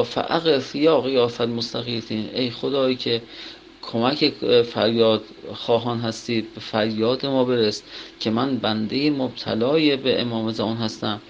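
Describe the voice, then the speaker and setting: A man's voice: mid-range voice, vocal fry. A man giving a religious sermon, reciting Arabic prayer lines and explaining each one in Persian, on a muffled lo-fi recording with faint background noise. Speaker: cleric.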